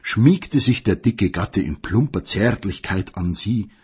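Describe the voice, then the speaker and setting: A man reads a comic tale, ironic and dramatic. His voice sits rather low and is raspy and husky, and it swings widely in pitch as he takes his time. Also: lively intonation, takes it slowly, darkish tone. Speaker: storyteller. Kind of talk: humorous story reading.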